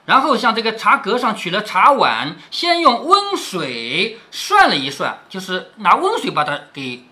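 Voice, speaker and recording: A man's voice: high-pitched, huge pitch swings, a little slow, pushed and bright. A middle-aged man reading a classic novel aloud to his daughter, stopping often to explain and asking rhetorical questions.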